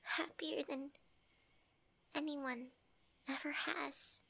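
A shy, gentle woman speaks softly in a romantic roleplay, slipping in and out of a whisper. Her voice sits high and bright. She takes her time over every phrase. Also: fairly even intonation, extremely slow, vocal fry. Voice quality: soft and often whispered. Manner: shy, gentle and affectionate, giggly.

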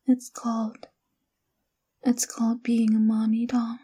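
A young woman breathes her words in a husky, slow whisper, soft and close. Her tone is intimate and coaxing, with a mellow, dark color and little rise or fall. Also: fairly high pitch, completely flat delivery. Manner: intimate, coaxing girlfriend address. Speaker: ASMR roleplay performer. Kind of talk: whispered ASMR roleplay.

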